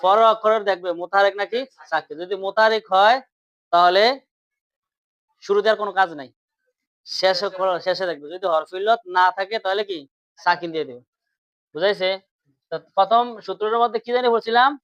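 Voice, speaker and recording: A man's voice: high voice, fairly quick, pauses often, a bit bright, no room sound, muffled recording. A man teaching grammar in class, repeating points and quizzing his students questions.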